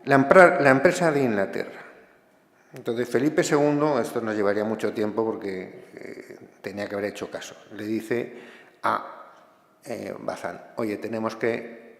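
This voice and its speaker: A man's voice: lowish voice, moderate pace, creaky. A man with a Spanish accent presenting his book in lecture style. He is impassioned and gets carried away, with many hesitations along the way. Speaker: book author. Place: large hall. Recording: echoey hall.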